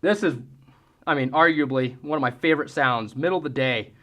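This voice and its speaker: A slightly fast talker with a mid-range, fairly bright voice runs a relaxed lesson as a hunting-call instructor. His manner is folksy, and he imitates the calls aloud as he goes.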